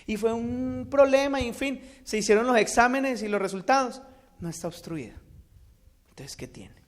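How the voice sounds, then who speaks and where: A man gives an earnest religious testimony, shifting between loud and hushed. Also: extremely high pitch, expressive, moderate pace. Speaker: speaker giving a testimony.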